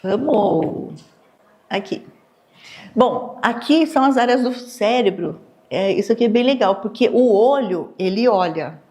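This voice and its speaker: A woman with a Brazilian accent giving a live neuroscience lecture to an audience. She explains in a lively way and acts out everyday dialogues in quoted voices. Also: on the high side, a little slow.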